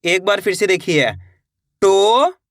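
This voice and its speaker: Guy with a highish voice doing a beginner reading class, sounds out each bit slowly, dry close mic. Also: a bit bright, no echo. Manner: slow, patient syllable-by-syllable sounding out; asks the viewer questions and answers them himself. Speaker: teacher.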